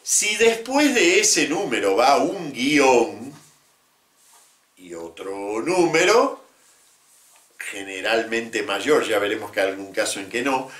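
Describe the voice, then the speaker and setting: A man teaching about the Bible in a measured lecture, often adding short tag questions. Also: medium pitch, very animated, a bit bright. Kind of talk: explanatory lecture. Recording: roomy echo.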